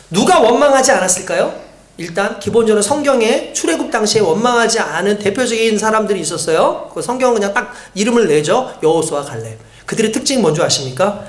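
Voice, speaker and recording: Animated Korean pastor preaching. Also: male voice, very high-pitched, echoey room. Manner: animated, storytelling, asks the congregation. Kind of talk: sermon.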